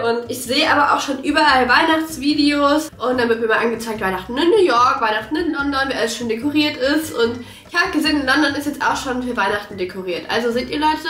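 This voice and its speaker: A woman's voice: high-pitched, fairly bright tone, echoey room. A young woman chats casually to viewers in informal, slang-sprinkled speech, her articulation slightly affected by braces. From Germany. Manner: chatty, informal with English slang. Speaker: vlogger.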